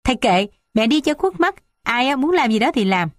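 A woman's voice: expressive, fairly quick, a little mellow, no room sound, clean studio sound, close to an everyday voice. A woman voicing a scolding, dramatic old village matriarch in an audiobook. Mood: wailing. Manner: shrill, complaining, wailing.

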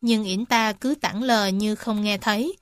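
A woman reading animal stories and facts aloud to young children, gentle and addressing them warmly as little ones. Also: medium pitch, measured pace, no echo, studio quality. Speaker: storyteller for children. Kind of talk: children's storybook narration.

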